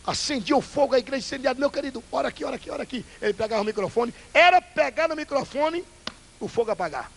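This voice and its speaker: A male Pentecostal pastor, preaching a fiery, theatrical sermon that swings between loud bursts and hushed asides. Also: very high-pitched, expressive, quick pace, creaky, slight background noise, poor audio. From Brazil.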